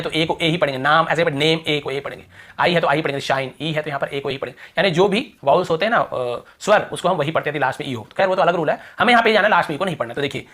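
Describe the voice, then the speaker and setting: A man's voice: fairly high pitch, fairly bright tone. A man teaching a lesson, repeating rules and example words over and over. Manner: repetitive, drilling examples aloud. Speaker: English teacher. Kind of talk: classroom lesson explaining rules.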